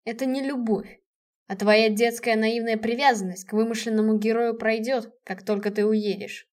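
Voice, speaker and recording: A woman's voice: fairly high pitch, fairly even intonation, normal speed, darkish tone, natural voice. A woman voicing a cold, stern dead male general who speaks harshly and curtly. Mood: scornful. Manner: harsh, clipped, curt.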